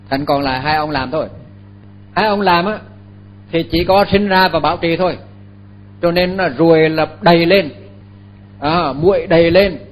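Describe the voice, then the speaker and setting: An older man, a Buddhist monk, giving a dharma talk in an unhurried, halting way with many fillers and repeated words. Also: fairly high pitch, slight background noise.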